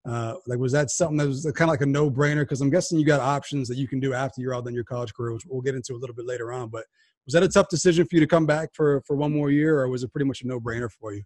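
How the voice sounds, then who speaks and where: A man hosting a sports podcast, energetic and hyped, often restarting his sentences. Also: medium pitch, rapid-fire, no echo. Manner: energetic, hype host with frequent restarts. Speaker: podcast host.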